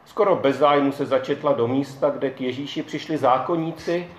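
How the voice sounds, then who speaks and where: Calm male narrator in an echoey room. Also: mid-range voice, a little hiss or hum. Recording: dull echoey room, faint ambience.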